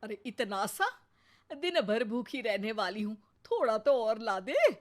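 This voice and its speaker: A woman's voice: a little high, sing-song, a little slow. A woman voicing a stubborn, greedy elderly mother-in-law in a cartoon, bossy and theatrical. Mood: demanding. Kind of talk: cartoon voice acting.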